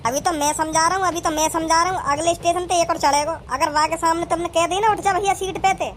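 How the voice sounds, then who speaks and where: Woman doing a rude male cartoon bully, high bright voice, crude threats, music bed behind. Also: steady tone, fast talker. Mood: angry. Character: rude hot-tempered male train bully. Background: background music.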